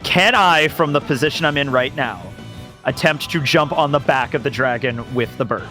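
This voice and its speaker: A man's voice: mid-range voice, moderate pace, pushed and bright, faint music behind. A man chatting casually as a player in a tabletop role-playing game, talking through his moves.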